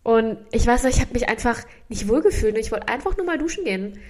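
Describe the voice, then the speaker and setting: Young woman, somewhat high voice, reflective, halting restarts, casual chat. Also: expressive, darkish tone. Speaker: podcast co-host.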